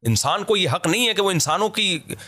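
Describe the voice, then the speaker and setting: A man from Pakistan, a vlogger, talking in a casual discussion as an animated, emphatic storyteller who laughs often. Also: high-pitched, fairly quick.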